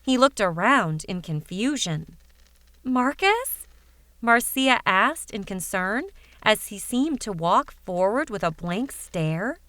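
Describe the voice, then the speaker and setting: A woman narrating a fairytale audiobook in a measured, even way. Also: medium pitch, dry recording. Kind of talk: scripted storybook narration.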